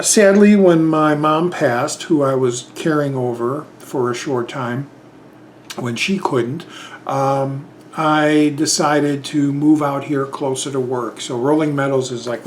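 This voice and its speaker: A YouTube channel host in his 50s from Chicago, Illinois, rambles casually through a tag video, full of fillers and restarts. His voice is mid-range, with a little hiss or hum in the recording.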